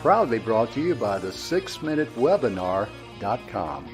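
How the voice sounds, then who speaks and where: A man announcing a scripted show intro in a measured voice. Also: medium pitch. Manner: slow, measured, lively announcing. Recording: guitar music behind. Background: guitar music.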